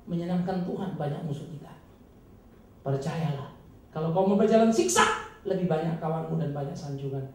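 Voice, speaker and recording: A male pastor giving an emphatic, dramatic sermon with sudden loud, high bursts, recorded from a distance in a church hall. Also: fairly quick. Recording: echoey hall, distant mic, faint noise.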